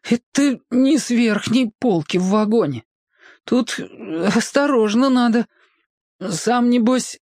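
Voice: medium pitch, slow, darkish tone, dry recording, clean studio sound, pitched above the performer's own voice, close to an everyday voice. A storyteller voicing a small, cautious boy who stammers when flustered. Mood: muttering.

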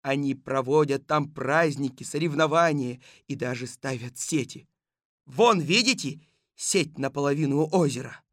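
A man's voice: medium pitch, measured pace, fairly bright tone, no room sound, clean studio sound. A man voicing an earnest male detective chief who makes rousing speeches. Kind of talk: audiobook reading.

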